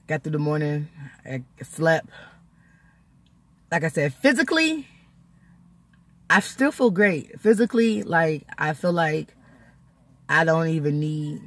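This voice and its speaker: A woman talking casually in a video diary, chatty and close to tears, laughing now and then. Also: low-pitched. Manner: chatty, laughing often, emotional. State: tearful, close to crying. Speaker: vlogger.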